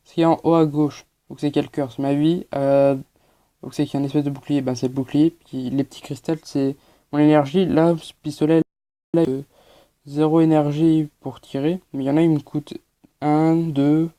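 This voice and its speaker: Guy explaining a game as he plays, super mellow low-key voice, lots of umms. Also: little pitch movement, normal speed. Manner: hesitant, explanatory, many fillers. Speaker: gaming channel host. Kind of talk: gameplay commentary.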